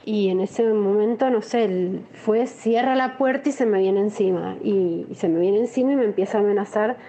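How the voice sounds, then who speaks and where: A woman with a Rioplatense Spanish accent gives a shaken, halting first-person testimony, often restarting her sentences. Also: mid-range voice, mellow, lo-fi sound. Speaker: interviewee recounting an assault.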